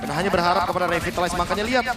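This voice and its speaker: Male esports caster with an Indonesian accent, fairly high voice, speedy commentary over music. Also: fairly even intonation, rapid-fire, reverberant.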